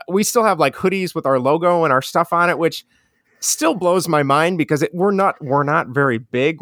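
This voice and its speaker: A mellow man from the Chicago area, with a Chicago accent and a fairly high pitch, is a guest in a casual conversational interview; he's an educator and podcaster. He rambles with frequent restarts, and the sound is close and dry.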